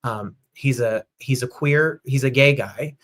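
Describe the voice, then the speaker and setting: A man's voice: mid-range voice, measured pace. A man hosting a casual livestream chat show from home, upbeat and chatty, greeting viewers by name. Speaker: host.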